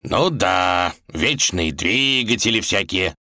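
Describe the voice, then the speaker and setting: Fairy-tale tsar, old, stubborn and grumbling, slow drawn-out lines, read by a man. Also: deep voice, expressive, pushed and bright, no echo, clean studio sound, heavily acted. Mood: musing.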